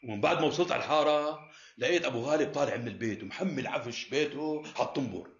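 A man's voice: medium pitch, rapid-fire, lightly acted. An actor playing a deferential middle-aged henchman in a Syrian period drama, explaining earnestly with a Damascene accent. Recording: muffled, echoey room.

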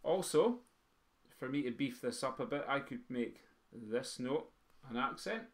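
A man leads a beginners' music writing lesson for pipe band drummers. He counts the beats out loud and sings the rhythms in drum syllables. Now and then he stops to quiz his students. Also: mid-range voice, expressive, unhurried. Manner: quizzes the students. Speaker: drum teacher. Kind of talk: teaching a music theory lesson.

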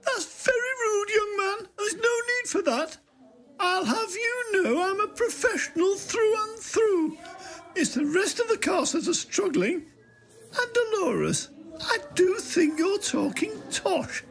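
A woman's voice: very high-pitched, expressive, slow pace, full character voice. A woman playing a prim indignant lady.

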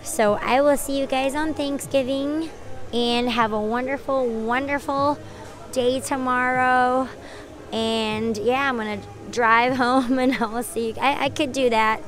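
A woman's voice: high-pitched, fairly even intonation, measured pace, fairly bright tone, soft background music. Tired, chatty woman live-streaming. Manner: chatty, thanks viewers by name, rambling. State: tired, losing her voice. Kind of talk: casual live-stream chat with viewers.

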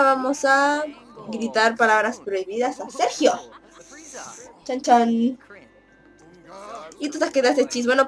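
A young woman talks her way through a life-simulation game in a chatty, teasing tone, with lots of quick laughs. Her voice sits a little high. Faint game music plays under her. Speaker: gaming YouTuber. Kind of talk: casual Let's Play commentary.

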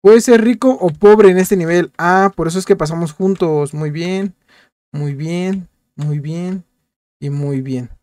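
A man with a fairly high voice gives playful, chatty commentary as he plays, often repeating short words in quick bursts. He addresses his viewers directly and jokes along the way. The sound is dry and close, with no room around it. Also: darkish tone, dry recording. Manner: chatty, jokey, talks to viewers while playing. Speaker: gameplay youtuber. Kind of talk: casual game commentary.

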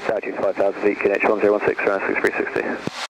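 A gravelly-voiced male pilot reads back clearances in clipped, routine radio phraseology. He speaks from an airliner cockpit, and loud engine and radio noise fill the recording. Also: fairly low pitch, monotone, racing. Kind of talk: radio read-backs to air traffic control. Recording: noisy cockpit radio audio.

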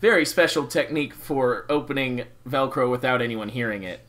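A man's voice: mid-range voice, brisk, a bit bright. A man co-hosting a casual comedy podcast who drops dry, jokey interjections. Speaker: podcast co-host.

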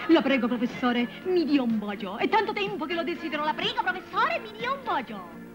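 A woman's voice: extremely high pitch, sing-song, a little fast, music in the background, crowd noise. An actress playing a gushing, pleading, lovesick young woman in a film comedy. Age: young adult. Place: outdoor village square.

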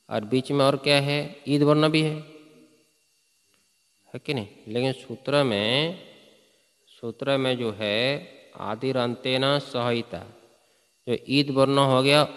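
Slow-paced man teaching Sanskrit grammar. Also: mid-range voice, a bit bright, big-room sound. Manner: slow, chants verses, quizzes students with questions. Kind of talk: classroom lecture.

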